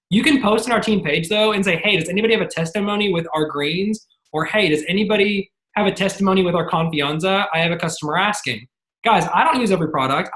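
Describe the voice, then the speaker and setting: A woman's voice: fairly low pitch, a bit bright, reverberant. A woman leading a team training, talking to the audience in an upbeat, chatty way. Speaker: team leader running a training. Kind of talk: motivational sales training talk.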